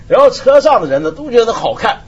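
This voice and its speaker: A man's voice: very high voice, fast talker, slightly rough. A man from Hong Kong, a talk show guest in casual chat, telling stories expressively and acting out what others said. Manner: expressive storyteller, acts out quotes. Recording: slightly muffled broadcast audio.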